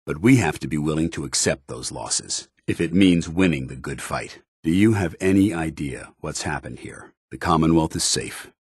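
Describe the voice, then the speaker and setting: A stern, principled soldier delivers heavily acted video game companion lines, his extremely low voice edged with husk, formal and earnest like an officer loyal to his order. Animated at normal speed with hardly any pauses, he sounds earnest and solemn in a close, dry recording with no room sound.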